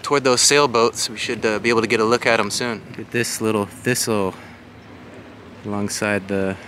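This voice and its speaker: A low-leaning, steady-toned male voice at normal speed narrates a casual walking vlog along a waterfront. The speaker is in his forties, recorded on a handheld camera mic, with strong wind and outdoor ambience making the recording very noisy.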